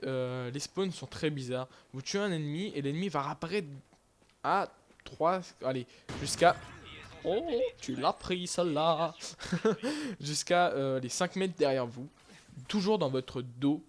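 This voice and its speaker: Young male gamer, casual live commentary, lots of fillers, mid-pitched voice. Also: slight background noise. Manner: casual, rambling, many fillers and restarts. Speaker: gaming YouTuber.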